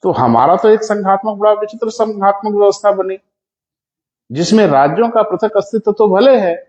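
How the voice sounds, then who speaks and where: A male teacher giving a classroom lecture, calling his students "beta" and slowing down so they can take notes. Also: sits high, animated, a little mellow. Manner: addresses students as "beta", dictating slowly. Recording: echoey dull classroom audio.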